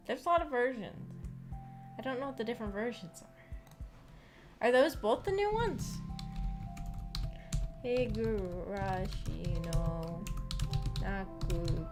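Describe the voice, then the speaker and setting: This streamer runs a visual novel book club, talking casually to viewers in a medium-pitched voice with lively intonation. She speaks slowly with long pauses, rambling and thinking aloud giggly over background music.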